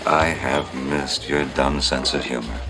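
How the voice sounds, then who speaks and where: Smooth-talking ex-lover, very deep, music behind. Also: male voice, fairly even intonation, unhurried. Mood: coaxing. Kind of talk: sitcom acting. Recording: music playing underneath.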